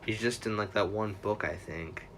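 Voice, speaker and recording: A young man talks casually as he hosts a livestream, rambling along and correcting himself as he goes. His voice sits a little low but sounds bright and forceful. Faint noise hums behind him. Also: moderate pace. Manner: rambling, self-correcting, chatty fan talk. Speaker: livestream host.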